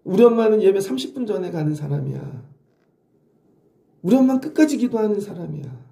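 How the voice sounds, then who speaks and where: Gravelly, dark-voiced man preaching. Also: high-pitched, big pitch swings, brisk, roomy sound. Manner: conversational preaching, rhetorical questions to the congregation. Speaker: pastor. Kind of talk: dawn sermon.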